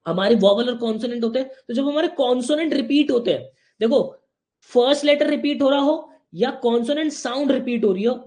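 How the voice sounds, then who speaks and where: Male teacher, live online exam-prep class; chatty, constant check-ins, slow example sentences. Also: very high voice, darkish tone.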